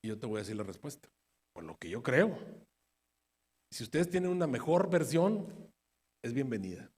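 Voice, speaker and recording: A man preaching a Bible study, firing rhetorical questions at his listeners and swinging between emphatic bursts and quiet asides. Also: medium pitch, big pitch swings, moderate pace, breathy edge. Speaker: preacher teaching prophecy. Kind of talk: sermon-style Bible study. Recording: long hall reverb.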